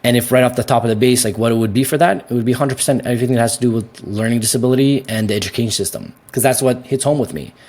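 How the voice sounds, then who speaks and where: A young Canadian man answering interview questions in a casual, animated way, laughing easily and often restarting his sentences. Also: medium pitch, racing, few pauses. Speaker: guest.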